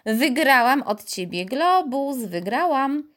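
A woman's voice: fairly high pitch, takes it slowly, full character voice. A woman doing Karolcia, a boastful little girl. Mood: teasing. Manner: lively, bragging, teasing.

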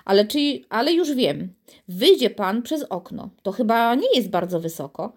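A woman's voice: a little high, big pitch swings, unhurried, darkish tone, husky, full character voice. Woman reading as brave boy Piotr. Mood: thoughtful. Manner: decisive, planning.

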